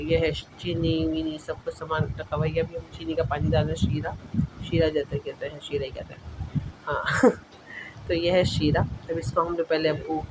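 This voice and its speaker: A young man talks through his home vlog in a casual, rambling voice-over, correcting himself as he goes. His voice sits a little higher than most men's. A clear hiss of noise runs under the recording. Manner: chatty, rambling, self-correcting. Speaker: vlogger.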